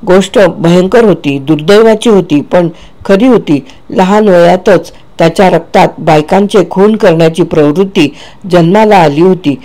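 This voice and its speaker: A man narrating a dark first-person story in a measured, grave way, sometimes correcting himself. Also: high voice.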